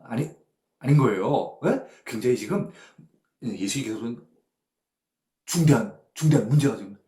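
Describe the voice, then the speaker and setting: A man's voice: medium pitch, moderate pace, roomy sound. A man, a pastor, teaching a Bible study and checking in with his listeners as he goes, sometimes acting out voices. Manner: animated, acts out voices and sound effects; asks the audience "예?" and "그쵸?" to check they follow.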